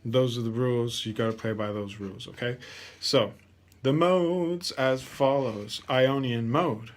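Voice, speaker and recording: A man's voice: medium pitch, unhurried. A man teaching a guitar lesson, patiently counting out scale steps aloud. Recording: guitar playing between lines.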